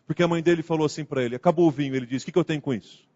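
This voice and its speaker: In a church sanctuary, a male pastor with a rather high, darkish voice races through a conversational sermon, acting out the quoted dialogue. The sound is muffled and carries a long hall reverb.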